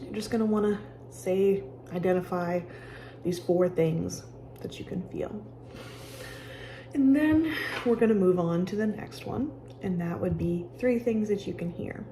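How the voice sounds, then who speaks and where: A woman giving casual, conversational instruction as she guides a calming exercise with personal examples. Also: mid-range voice, a little slow, a little hiss or hum. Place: office with sound machines nearby.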